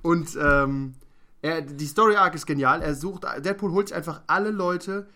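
A man's voice: a little high, moderate pace, bright, forceful tone. A man co-hosting a podcast, chatting casually and enthusiastically, rambling through stories. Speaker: podcast co-host. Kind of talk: casual chat about comics.

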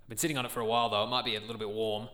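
A man's voice: fairly low pitch, little pitch movement, racing, lightly acted. A man playing a cheeky bloke caught in a costume, casual and brazen, in a comedy sketch. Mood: cheeky, breezy. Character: cheeky male bloke hiding inside cow costume.

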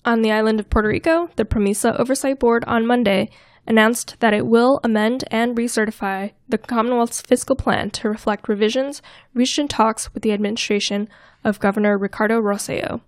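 A woman co-hosting a podcast, reading scripted financial news in a crisp, clear way. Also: fairly high pitch, fairly even intonation, a little fast, no room sound, clean studio sound. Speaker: co-host and news reader.

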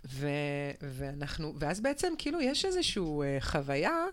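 A woman co-hosting a podcast in casual chat, reflecting aloud and often pausing to search for the right words. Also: low voice, very animated. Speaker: podcast co-host.

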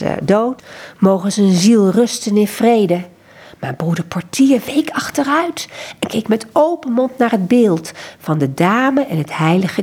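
Dutch-speaking woman reading a story aloud. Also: husky. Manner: reads expressively, lively pitch in quoted lines; hesitant with fillers when talking freely. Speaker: country coordinator of a prayer group. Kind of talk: reading a story aloud and talking about books.

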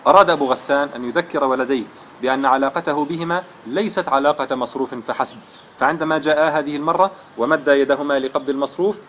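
Fast-talking man telling a moral story. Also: on the high side, a bit bright, slight background noise. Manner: earnest, dramatic storytelling. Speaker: religious lecturer. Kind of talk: storytelling religious lesson.

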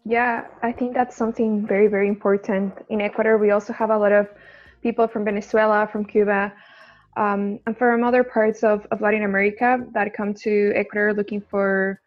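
A young woman co-hosting a podcast, agreeable and measured in a casual discussion. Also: medium pitch, flat delivery, lo-fi sound. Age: young adult. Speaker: podcast co-host.

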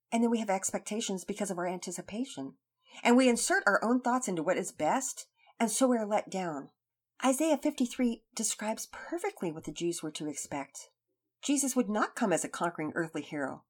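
A woman voicing a cheerful, gentle father in a read-aloud story, explaining things patiently to his children. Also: mid-range voice, slightly rough, voice pushed up. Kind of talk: storybook reading.

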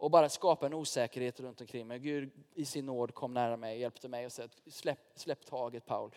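A man's voice: medium pitch, warm tone, clear, resonant tone. Male pastor, casual conversational preaching, recorded in a church with long reverb. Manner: informal, direct address to the congregation, personal stories. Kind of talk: sermon.

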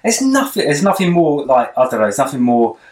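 A young man, rambling in a relaxed way about dating as a podcast co-host. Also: on the high side, brisk. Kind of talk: casual chat about dating. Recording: echoey room, mic a bit far off.

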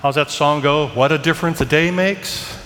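A man's voice: a little high, moderate pace, a bit bright. A man speaking as a priest, reading scripture and preaching at Mass, his voice carried in a cathedral-like echo. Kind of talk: Gospel reading and homily at Mass. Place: large reverberant church. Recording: long cathedral-like echo, background noise.

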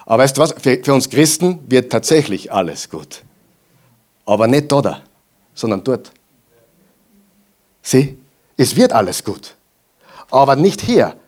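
A man preaching a sermon with emphatic repetitions and mocking asides, swinging between loud and quiet. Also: mid-range voice, big pitch swings, measured pace, pauses often. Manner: emphatic, repeats lines for the crowd to echo.

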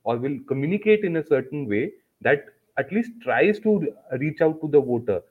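A man's voice: fairly high pitch, lively intonation, moderate pace, breathy edge, narrow, tinny audio. A man with an Indian accent giving emphatic, explanatory commentary in a casual political discussion on a podcast.

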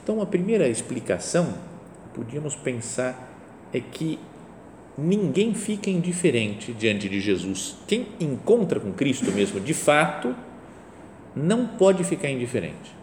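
A man's voice: medium pitch, very animated, a little slow, darkish tone, slight background noise. A male priest with a Brazilian Portuguese accent gives a conversational sermon, often using rhetorical tag questions. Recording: echoey hall with faint ambience.

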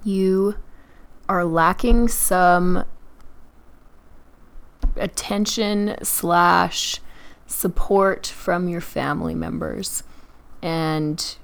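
A woman co-hosting a podcast, hoarse and husky from being sick, giving dry joking advice in casual chat. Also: on the low side, extremely slow, pauses often. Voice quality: husky smoker-like voice. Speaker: podcast co-host.

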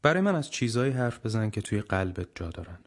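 A dying old professor talks bluntly and wisely, with a gentle teasing edge, voiced by a man reading an audiobook. The voice stays low and close to a storyteller's own. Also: big pitch swings. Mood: frank.

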